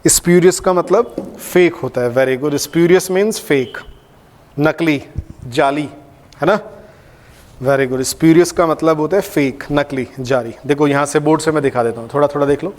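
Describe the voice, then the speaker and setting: A man's voice: fairly high pitch, moderate pace, long reverb tail. A male English teacher, giving a classroom vocabulary lecture and drilling each word by saying it aloud several times. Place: classroom with a board.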